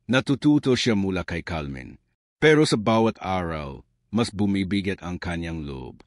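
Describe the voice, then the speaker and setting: A man's voice: deep voice, dry recording, clean studio sound. A man narrating a scripted horror story in a dramatic, suspenseful manner.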